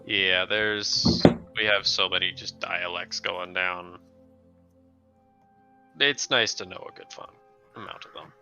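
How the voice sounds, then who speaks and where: A man's voice: deep voice, fairly even intonation, slow pace, pauses often. A man chatting casually on a group livestream, repeating himself as he works out his thoughts. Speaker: tabletop player on a group livestream. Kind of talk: casual chat. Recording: background music behind voice. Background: music.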